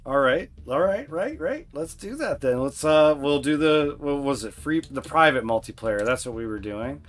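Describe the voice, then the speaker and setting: A man's voice: a little high, expressive, normal speed. A man streaming a racing game and chatting casually with his son, thinking aloud as he works through the menus. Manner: easygoing, thinks aloud while picking menus. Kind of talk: casual gameplay livestream chat. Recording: faint music behind the voice.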